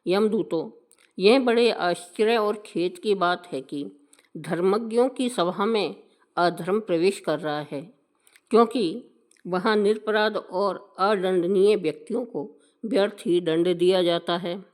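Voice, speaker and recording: A woman voicing righteous male divine messengers who lecture sternly in a slow, measured recitation. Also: mid-range voice, a little mellow, close to an everyday voice.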